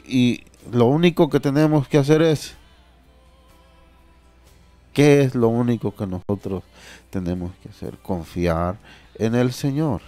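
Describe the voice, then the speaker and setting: A man's voice: medium pitch, warm tone, dry recording. A man preaching a sermon and reading scripture aloud, earnest and repeating phrases for emphasis.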